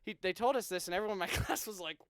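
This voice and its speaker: Young man, casual chat with friends, animated storyteller, frequent laughing and swearing, slightly high voice, dry close sound. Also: rapid-fire, no room sound. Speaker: podcast co-host, band member. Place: indoor room with friends at a table.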